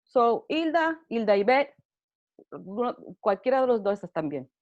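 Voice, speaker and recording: Laughing a lot, a middle-aged Puerto Rican interviewee tells casual stories about her life in a Puerto Rican Spanish accent. Her voice is a little high and very animated, and she talks a little slowly, on dull, lo-fi audio.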